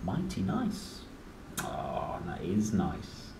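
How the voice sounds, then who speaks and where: This children's book reader, a young man, performs an alphabet book for small children in a slow, playful sing-song full of huge pitch swings, and his voice is a little mellow. He addresses the kids directly, chat-like. A distant mic gives a roomy sound with faint noise in the background.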